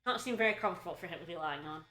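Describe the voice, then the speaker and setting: A woman's voice: lowish voice, animated, very fast, sharp tone, reverberant. A woman doing casual, joking commentary on a video game in a giggly, exclamatory way.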